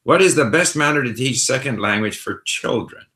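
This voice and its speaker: A middle-aged man hosts a casual live question session about language learning, responding to viewers at a moderate pace. His mid-range voice is bright and forceful with lively intonation, and his thoughtful, chatty delivery includes plenty of fillers and restarts. The room echoes noticeably.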